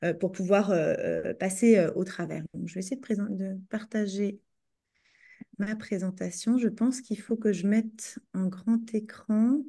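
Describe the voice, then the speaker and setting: Speaking with a French accent, a woman from France walks a group through her doctoral research on a video call. Her medium-pitched voice is warm and a little slow, and her academic talk is full of hesitations, fillers and restarts.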